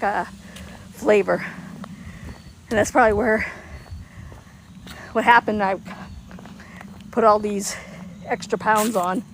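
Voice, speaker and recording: A woman's voice: on the high side, a little hiss or hum, poor audio. A woman chatting casually on a livestream while walking outdoors, a bit winded, rambling and laughing easily. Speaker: livestream host.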